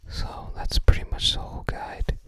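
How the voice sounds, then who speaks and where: Looking through a book, an ASMR host muses aloud in brief, casual fragments, using a breathy, unvoiced whisper that sounds pushed and bright at a moderate pace.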